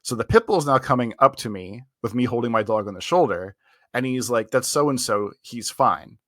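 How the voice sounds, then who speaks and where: A man's voice: mid-range voice, fast, no room sound, studio quality. A man co-hosting a podcast, telling a long story in casual chat, full of "like" fillers and rambling. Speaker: podcast co-host.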